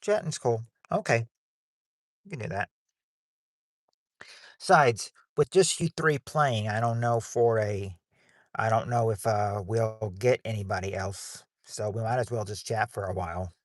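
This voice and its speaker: A man with a lowish voice, speaking a little slowly, hosts a livestreamed game night. He chats loosely and keeps restarting his sentences. The sound is clean studio quality with no echo.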